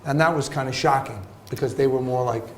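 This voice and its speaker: A man, an actor giving a master class, telling anecdotes in an animated, laughing way with many fillers. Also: mid-range voice, fast, slight background noise. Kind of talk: anecdotal storytelling interview. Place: festival venue hall. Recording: roomy hall, faint ambience.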